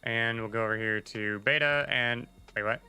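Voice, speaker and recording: A man's voice: medium pitch, normal speed, bright, forceful tone, faint music behind, rough recording. A man giving casual, chatty commentary while livestreaming a game, thinking aloud and muttering asides to himself. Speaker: livestreaming gamer.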